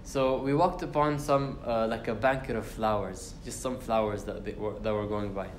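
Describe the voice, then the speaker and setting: His voice is lowish and fairly even, at a moderate pace, as this young man teaches a casual tafsir class. He recites Arabic verses, with fillers and restarts throughout. The university lecture room echoes, and slight background noise is present.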